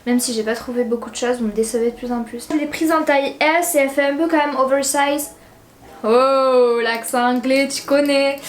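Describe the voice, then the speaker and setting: A teenage YouTuber from southern France chats casually in a haul vlog, rambling and slangy, with plenty of fillers. Her high-pitched voice stays level and fast, with hardly any pauses, in an echoey room.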